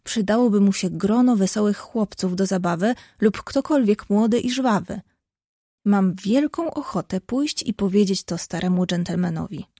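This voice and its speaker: A woman reading an audiobook, voicing a bold, kind-hearted teenage girl who talks frankly and briskly. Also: medium pitch, dark tone, slightly rough, no echo, studio quality.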